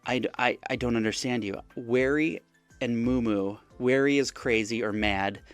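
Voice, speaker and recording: A scam-baiting content creator casually recounts his chat with a scammer, wry and mocking, acting out the messages in other voices. His voice is mid-range and smooth at a moderate pace, with faint music behind.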